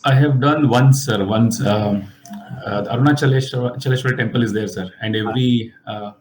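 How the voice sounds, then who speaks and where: A man's voice: medium pitch, fairly even intonation, normal speed, a little hiss or hum. Polite student man recapping with "uh"s. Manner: polite, says "sir", many "uh" fillers. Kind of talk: casual recap in a class.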